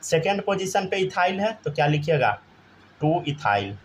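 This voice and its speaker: Male chemistry teacher, slightly high voice. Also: sing-song, moderate pace, a little hiss or hum. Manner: keeps asking students to answer, often says "theek hai". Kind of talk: live classroom lesson.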